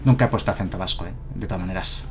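Talking at a racing pace in a low voice over music, this man in his thirties from Madrid, Spain, has a Madrid Spanish accent. He provides live commentary while streaming a card game indoors from his home setup, using a headset mic, musing aloud casually and chuckling at his own expense.

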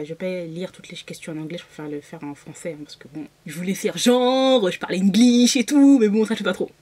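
A woman's voice: on the low side, slightly rough. A woman, chatting in a bubbly way as a booktuber, with lots of fillers and laughs. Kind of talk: casual chatty vlog.

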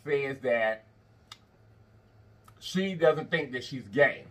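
A man in his thirties with a husky voice, chatting casually as he hosts an eating show. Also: mid-range voice, lively intonation, drawn-out words, fairly bright tone. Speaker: mukbang show host. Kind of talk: casual chat while eating. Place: indoor studio, seated at a table of food.

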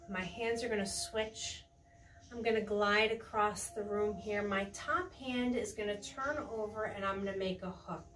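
Slow, serene woman giving tai chi cues. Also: mid-range voice. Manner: serene, encouraging, unhurried cueing. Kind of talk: guided movement lesson with calm step-by-step cues. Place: small carpeted room indoors. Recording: distant mic in a room, faint music. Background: faint music.

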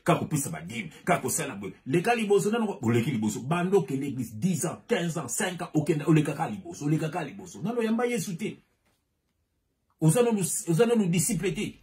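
A man's voice: a little high, very animated, fairly quick, darkish tone. Fiery preacher man. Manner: fiery, switches between French and Lingala, repeats phrases with rising emphasis. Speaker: pastor. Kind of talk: preaching sermon.

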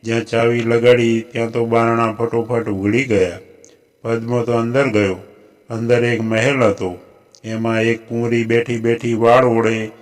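A man with a Gujarati accent narrating a folk tale in a steady, even storytelling voice. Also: mid-range voice, measured pace.

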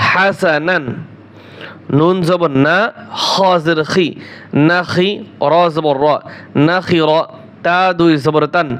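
A man's voice: fairly high pitch, a bit bright. A man teaching Quran reading, spelling Arabic words out syllable by syllable and repeating each word. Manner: slow, drawn-out syllable-by-syllable spelling with repetitions. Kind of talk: spelling-out recitation lesson.

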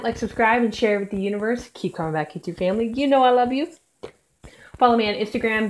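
A woman's voice: mid-range voice, a little hiss or hum, poor audio. A woman in her thirties chatting upbeat through a casual how-to vlog, filmed at arm's length. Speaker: vlogger. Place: home room and outdoor deck.

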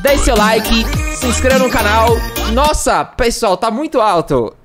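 A man with a Brazilian accent voicing an over-the-top, hyped-up young male streamer who shouts and half sings. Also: extremely high pitch, animated, a little slow, over loud music, voice pushed up. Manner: loud, over-the-top hype, half sung.

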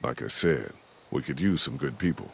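An actor playing a steady, protective grown man in a video game, gently firm with a young girl in his care. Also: extremely low pitch, slow pace, gravelly, slightly rough, heavily acted. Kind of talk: dramatic game voice acting. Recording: faint game music behind.

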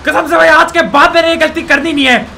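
A young man commentating his own gameplay, exasperated and pleading, often yelling at other players. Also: very high-pitched, steady tone, fast, creaky, a little hiss or hum. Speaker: gaming YouTuber.

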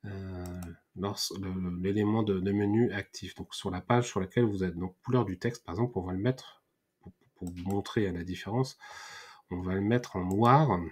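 Male tutorial host, lower pitch, hesitant thinking-aloud delivery, keyboard clicks in background. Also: steady tone, moderate pace, a little mellow, slightly rough. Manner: hesitant, many fillers and restarts, thinking aloud. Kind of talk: screen-recorded software tutorial. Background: mouse clicks and typing.

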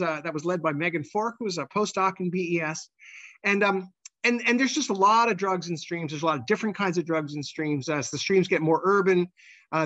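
A man giving a conversational scientific slide presentation as a researcher, halting, with repeated words and false starts. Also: on the high side, fairly bright tone, lo-fi sound.

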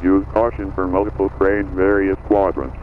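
A man reading a recorded airport weather broadcast over aircraft radio, in clipped, even, formal phrasing. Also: deep voice, moderate pace. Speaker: recorded airport information announcer. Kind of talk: steady read-out of weather and runway data. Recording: tinny aircraft radio with faint noise.

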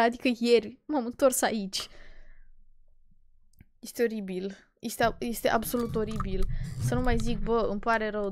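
A young woman from Romania with a fairly high voice, talking to her stream in a casual rant. She is sarcastic and exasperated, drops into mumbles, then bursts out loud. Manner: exasperated, sarcastic, dramatic swings in loudness and pitch.

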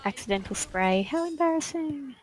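A woman's voice: sits high, expressive, normal speed, a little hiss or hum. A woman making wry, casual remarks to her teammates while playing an online game. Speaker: gamer in a group stream. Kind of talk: casual gaming chat.

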